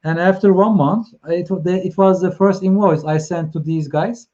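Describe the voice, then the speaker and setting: Speaking at a normal pace with fairly even intonation, a man from Turkey hosts a live stream talk in English, his high voice darkish in tone and his accent Turkish. He encourages viewers but hesitates often, full of fillers and restarts. The audio is dull.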